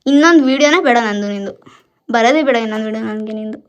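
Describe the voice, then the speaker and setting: Rapid high-voiced young woman insisting. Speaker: vlogger. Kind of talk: couple prank vlog argument.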